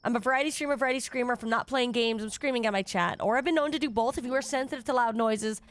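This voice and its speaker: A woman with a high voice chats casually as a variety game streamer. Her delivery is cute and bubbly in anime-streamer fashion. She is loud, excitable and free with swearing. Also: fast talker. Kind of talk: casual livestream game commentary.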